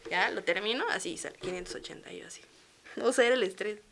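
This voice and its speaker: A woman in her thirties with a Mexican accent, a guest telling stories in a relaxed, chatty way with frequent laughs. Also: mid-range voice, fast, vocal fry, a little hiss or hum. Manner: lively, chatty storytelling with frequent laughs and fillers. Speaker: guest architect. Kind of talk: casual interview chat.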